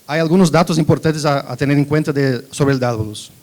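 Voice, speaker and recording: A man's voice: fairly high pitch, brisk, a little mellow. A man from Brazil, a native Portuguese speaker, gives a technical presentation in a Spanish and Portuguese mix with a Brazilian accent. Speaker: agricultural company researcher presenting.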